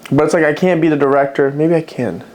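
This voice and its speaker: A man's voice: a little high, quick pace, darkish tone, slight background noise. A man talking casually to camera as a fitness vlogger at home, rambling with fillers and self-corrections. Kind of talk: casual vlog chat.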